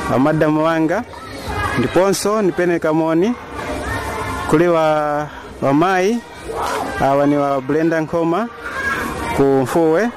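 Man, Zambian accent, informal greetings, outdoor recording, clear background music, chattering crowd. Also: on the high side. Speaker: member of the public sending greetings. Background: music and crowd noise.

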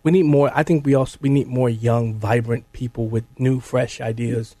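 A man's voice: mid-range voice, fairly even intonation, normal speed, mellow, no room sound. An American man hosting a conversational live talk radio show from a studio.

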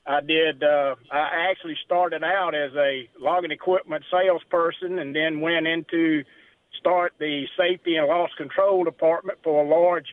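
A middle-aged Southern man calls in to a radio show over a tinny, narrow phone line. His voice sits a little high for a man, and he talks in a friendly, folksy way, pausing on fillers. The sound is dry and close. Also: steady tone, no echo. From South Carolina. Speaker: timber association president, guest. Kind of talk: casual radio interview.

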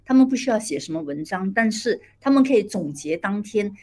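A middle-aged woman, a guest telling lively anecdotes about her children with many hesitations and bits of English. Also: mid-range voice, fairly quick. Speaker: guest, theatre director and mother. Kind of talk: conversational storytelling interview.

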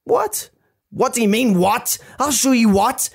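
A man voicing an angry mother who barks out sharp scolding. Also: extremely high pitch, measured pace, vocal fry, slightly rough, pitched above the performer's own voice, exaggerated voice. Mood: furious. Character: furious mother scolding her son.

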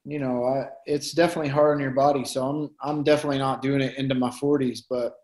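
A man's voice: medium pitch, little pitch movement, fast, darkish tone. A man with a Tennessee accent chatting casually as an interview guest, in a laid-back, colloquial way. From Tennessee, United States. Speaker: guest, professional fighter.

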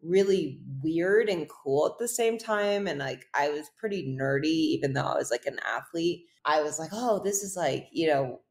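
Low-voiced woman chatting easily. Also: moderate pace, few pauses. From Hawaii. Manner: relaxed, rambling, heavy use of "like". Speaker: guest, pro surfer. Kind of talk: casual interview chat.

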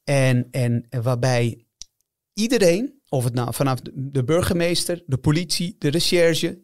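A man's voice: mid-range voice, animated, unhurried. A man speaking as a guest on a podcast about a criminal case, hesitant, often restarting and repeating words. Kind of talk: podcast interview.

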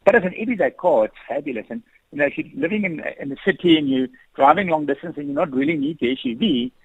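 Croaky man, husky and muffled. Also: fairly high pitch, expressive, fast, no echo. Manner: easygoing, rambling, frequent fillers. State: croaky morning voice. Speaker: motoring journalist guest. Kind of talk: radio interview chat. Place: at home on a couch.

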